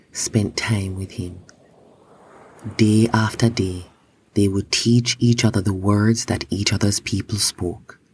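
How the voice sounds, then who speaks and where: A man narrating a children's story in a slow, even storybook reading. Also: lowish voice, a little hiss or hum.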